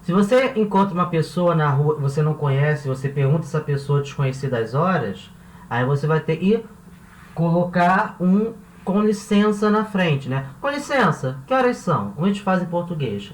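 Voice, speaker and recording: A man's voice: a little high, expressive. A man with a slightly raised voice gives a patient video lesson, drawing out each word and returning to it again and again. His voice rings in an echoey room with a faint hum of ambience behind it. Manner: patient, repeats words slowly, checks in with "tá?" and "né?". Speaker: language teacher. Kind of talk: classroom-style video lesson.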